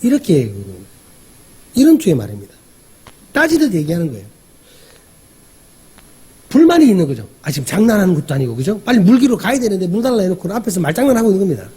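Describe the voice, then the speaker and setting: A man's voice: high-pitched, sing-song, fast, long pauses, warm tone, breathy edge. A male pastor giving a conversational sermon, often asking the congregation questions and acting out the dialogue he describes. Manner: acts out quoted dialogue.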